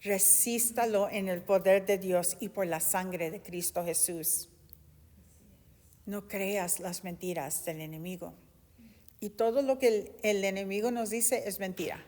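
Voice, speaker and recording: A woman's voice: mid-range voice, darkish tone. A woman in her fifties preaching a sermon and giving an earnest, impassioned personal testimony. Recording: long hall reverb.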